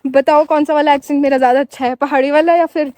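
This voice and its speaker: Chatty high-voiced pahari woman vlogging. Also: fast. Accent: Pahari-tinged Hindi. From Himachal Pradesh, India. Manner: chatty and excitable, addressing viewers directly. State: short of breath at altitude. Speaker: solo motorcycle travel vlogger. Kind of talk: casual travel vlog to camera. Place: outdoors on a snowy mountain pass.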